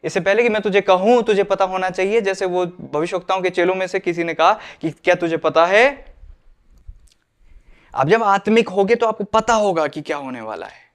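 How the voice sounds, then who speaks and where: A man's voice: sits high, normal speed, smooth. A man preaching an earnest sermon, mixing English phrases into his talk and acting out the people he quotes. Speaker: pastor.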